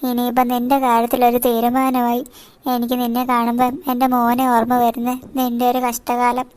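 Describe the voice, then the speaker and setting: ഒരു സ്ത്രീ കാർട്ടൂണിൽ പിതൃവാത്സല്യമുള്ള, ദയാലുവായ ഒരു പുരുഷ ഗുണ്ടയ്ക്ക് ശബ്ദം നൽകുന്നു; അയാളുടെ സംസാരം മൃദുവും ക്ഷമാപണം നിറഞ്ഞതുമാണ്. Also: female voice, fairly high pitch, monotone, moderate pace, smooth, close to an everyday voice. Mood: apologetic. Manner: gentle, apologetic. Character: soft-hearted male henchman, fatherly. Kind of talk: cartoon voice acting.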